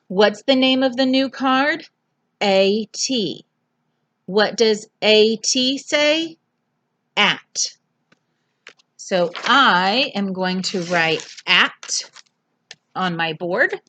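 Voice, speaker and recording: A woman teaching a phonics lesson to young children, sounding out letters slowly, clearly and patiently in a home video lesson. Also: medium pitch, fairly bright tone.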